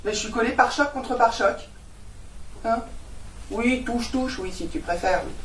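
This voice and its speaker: A woman's voice: on the high side, normal speed, a little hiss or hum, close to an everyday voice. A woman playing an exasperated, sarcastic tenant. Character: exasperated young woman, sharp-tongued and ironic. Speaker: new tenant. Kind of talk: stage comedy acting. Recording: echoey stage sound from far off.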